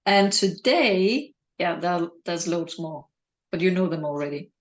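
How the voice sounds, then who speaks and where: A woman's voice: on the low side, lively intonation, measured pace. A woman co-hosting a casual chat show, playful and meandering, who tends to say w for v. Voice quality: non-native v sound, w for v. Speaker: co-host of a spiritual show.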